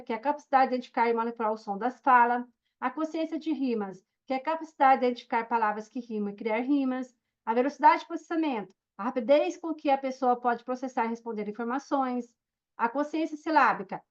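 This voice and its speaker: A woman's voice: high voice, lo-fi sound. A woman teaching a recorded online course, explaining step by step and often checking in with her listeners. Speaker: course instructor.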